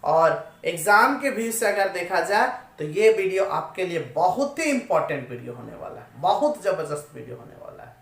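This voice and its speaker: A woman's voice: lowish voice, big pitch swings, moderate pace, vocal fry, few pauses. A woman teaching a maths lesson, asking her students questions and then answering them herself. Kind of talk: classroom-style maths lesson. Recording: echoey room, voice away from the mic.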